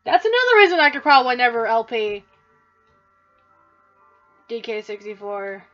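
A woman's voice: a little high, big pitch swings, moderate pace, bright, forceful tone, lo-fi sound, soft background music. A woman hosting a let's play, giving casual gameplay commentary in a jokey, profane, self-mocking way.

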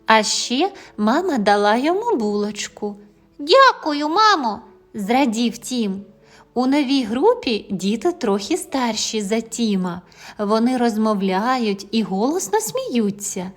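A woman narrating a children's audio fairy tale in a gentle, expressive storytelling manner. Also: fairly high pitch, a little slow.

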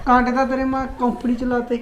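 A boastful village husband, played by a woman, talks in long, rambling bursts and brushes off every objection. The voice sits high. It is a comic sketch. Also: completely flat delivery, fast talker, highs cut off, slight background noise, lightly acted. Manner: bragging, rambling, talks over his wife. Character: boastful village husband hooked on a money scheme.

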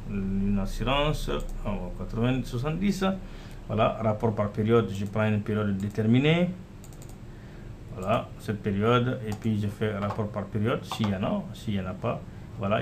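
In this screen recording, a developer with a fairly low, gravelly voice walks through his app in a loose, unscripted way. He fills the pauses with repeated "voilà" and "euh" while clicking around, over a faint background hum.

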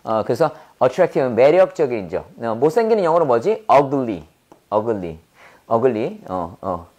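A man teaching English vocabulary in a playful way, with quick asides and silly acted examples. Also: mid-range voice. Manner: animated, drops into silly voices and sound effects to make words memorable.

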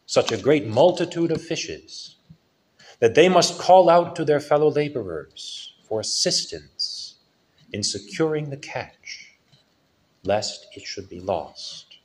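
A male priest giving a solemn sermon with a lively rise and fall in his preaching. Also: medium pitch. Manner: slow, solemn preaching with lively rises and falls.

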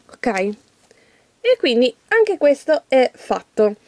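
A woman's voice: high voice, very animated, slow pace, dark tone, no room sound. A woman vlogging in a chatty way, talking straight to her viewers and reading a children's story aloud. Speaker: YouTuber opening an advent calendar. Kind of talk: casual vlog chat and reading a story aloud.

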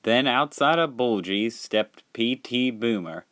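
A man narrating a homemade storybook tale in a plain, measured reading. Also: medium pitch, expressive, fairly bright tone, dry recording.

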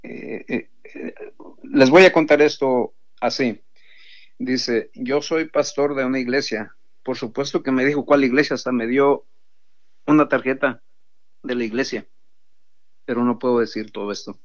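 A man's voice: medium pitch, measured pace, pauses often. A man earnestly telling a testimony story to an audience he calls his brothers, repeating himself as he goes. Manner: earnest, repetitive, addresses listeners as brothers. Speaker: pro-life sidewalk counselor giving testimony. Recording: dull lo-fi recording.

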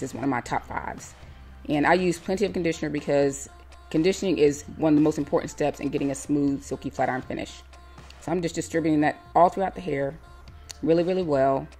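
Low-voiced woman calmly narrating a hair tutorial. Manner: calm, step-by-step instructive. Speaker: hair stylist.

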